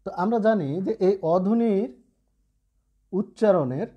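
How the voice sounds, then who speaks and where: Teacher guy explaining slowly, keeps checking in, mellow voice a bit high. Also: lively intonation, breathy edge, lo-fi sound. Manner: explains patiently with frequent check-ins and repeated phrases. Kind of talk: classroom-style lesson.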